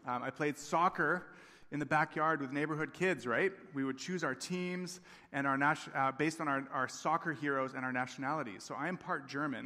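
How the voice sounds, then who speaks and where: A campus pastor in his thirties, raised in Tanzania, preaches a sermon in a friendly, conversational way, often checking in with the congregation. His mid-range voice is bright and forceful, and the large church sanctuary adds long reverb.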